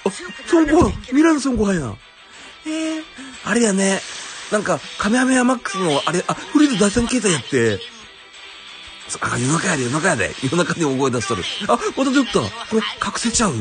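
An excitable man with a broad Kansai accent chatters through his game pulls, his voice leaping wildly from low mutters to high yelps. He exclaims and muses aloud in a loose, casual way. Game music plays clearly underneath. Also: a little fast. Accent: Kansai Japanese. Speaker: gaming YouTuber.

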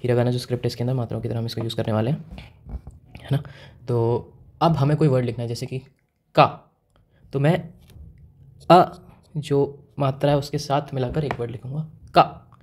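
Speaking in Hindi laced with English, an Indian-accented man works through Japanese writing step by step in a whiteboard lesson, often putting questions to the viewer. His medium-pitched voice keeps fairly even intonation at a moderate pace, with many pauses.

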